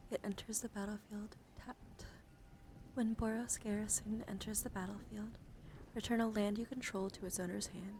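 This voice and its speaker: A woman streamer presents cards in a soft-spoken ASMR showcase, speaking gently and playfully close to the mic. Her medium-pitched, breathy voice often sinks to a whisper. Background noise is clearly audible.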